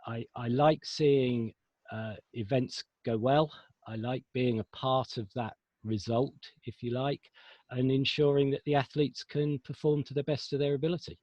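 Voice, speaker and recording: A man from the United Kingdom, a guest on a video call, speaking in a measured way with fillers. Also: medium pitch, fairly even intonation, a little mellow, no echo. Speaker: guest, international judge. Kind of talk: casual chat. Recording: dull video call audio.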